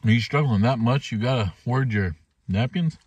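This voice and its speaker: Eating inside a car for a mukbang video, a man in his thirties talks casually to the camera at a moderate pace. His medium-pitched voice has a darkish, breathy tone, dry as recorded by a phone or camera at arm's length.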